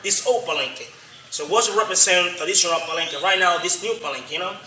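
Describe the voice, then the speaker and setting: A man from Colombia with a Colombian Spanish accent, explaining his community's history as a local guide in halting, repetitive English. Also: high-pitched, bright, forceful tone. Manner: halting non-native English, repetitive, frequent "you know?". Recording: roomy, distant from the mic, faint noise.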